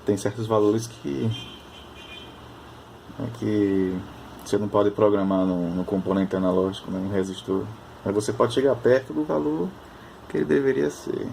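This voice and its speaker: A man chatting casually at his workbench, explaining technical details while thinking aloud, often pausing and restarting. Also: lowish voice, creaky, a little mellow, slight background noise. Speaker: electronics hobbyist.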